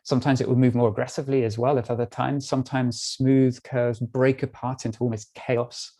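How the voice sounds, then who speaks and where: A British man speaks at a middle pitch with a mellow, dark tone, guiding listeners through a live online art tour. He talks in a relaxed way, pausing often with small fillers as he explains each piece. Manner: relaxed, frequent filler pauses. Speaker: tour guide.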